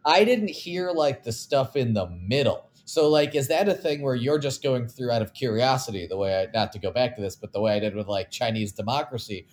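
A man's voice: mid-range voice, animated, brisk, hardly any pauses, a little mellow. A man in casual podcast chat, talking in long, wordy stretches and poking fun at himself. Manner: wordy, self-deprecating. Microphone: video call, camera off.

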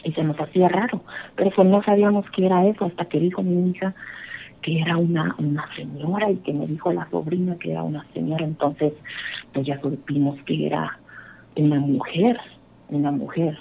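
A woman's voice: low voice, steady tone, a little fast, gravelly, slightly rough. A woman earnestly telling a rambling personal ghost story, calling in by phone. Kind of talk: casual storytelling. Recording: phone line.

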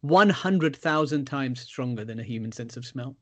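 A man's voice: mid-range voice, expressive, moderate pace. A British man co-hosting in casual banter with dry, teasing humour. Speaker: podcast co-host.

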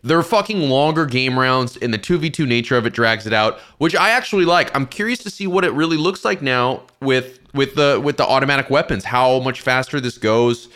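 A man co-hosting a casual gaming podcast who hesitates and second-guesses himself as he talks. He swears freely. His voice is bright and forward, and it rises and dips a lot. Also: medium pitch, animated, a little fast, hardly any pauses. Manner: wavering and self-doubting, swears casually. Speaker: podcast co-host.

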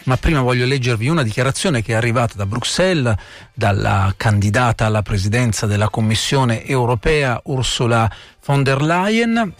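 A man presenting live radio news and reading out statements in an explanatory way, with some hesitant pauses. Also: mid-range voice, soft background music.

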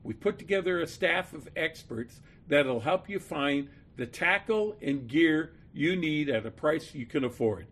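A man delivers a scripted radio advert for his shop. His voice is a little high for a man and has a rough, husky grain. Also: a bit bright. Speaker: store owner reading own radio ad.

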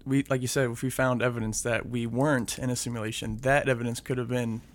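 A man's voice: mid-range voice, little pitch movement, fast talker. A man co-hosting a casual podcast, laid-back and wry. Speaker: podcast co-host.

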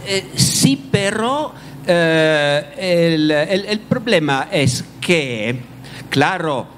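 A man speaks in a panel discussion, halting as he searches for words. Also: on the high side, animated, a bit bright, a little hiss or hum.

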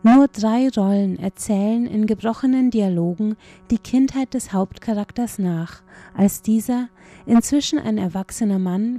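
A woman's voice: fairly high pitch, dark tone. A woman reading a scripted cultural report as a radio reporter.

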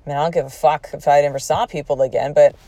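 Here a podcast host, a woman in her 40s, talks fast in a low voice. Her retelling of a personal story is blunt, full of cursing, and animated, with her acting out what others said.

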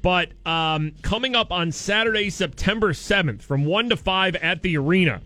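An American man hosting a radio show, delivering an upbeat, informal contest promo in an excitable way and repeating himself for emphasis. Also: high-pitched, normal speed.

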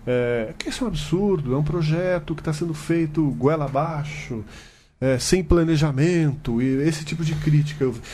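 A man's voice: a little high, moderate pace, mellow, slight background noise. Reflective man hosting a roundtable. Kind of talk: casual roundtable chat.

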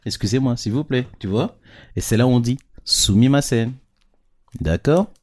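A man's voice: mid-range voice, normal speed, darkish tone. A man teaching a casual lesson to children on a handheld microphone, explaining patiently and often checking that they follow. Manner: patient, checks understanding with frequent questions.

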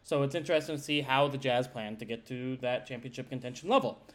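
A man's voice: medium pitch, quick pace. A man hosting a sports podcast in a casual, conversational way with rambling asides. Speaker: podcast host.

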